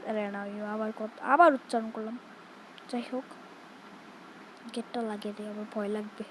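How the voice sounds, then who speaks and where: Playing a horror game, a young gaming streamer from Bangladesh chats jumpily and talks back to the game, scolding the game baby. Her medium-pitched voice holds steady at a normal speed, and the rough recording carries a little hiss or hum.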